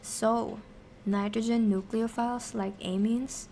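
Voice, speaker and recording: Casting: female streamer-tutor, mid-range and fairly even voice, casual self-directed explanations, some background noise. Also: on the high side, slow pace. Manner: talks to herself while working through answers. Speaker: streamer teaching biochemistry. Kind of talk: casual study-stream explanation, question and answer.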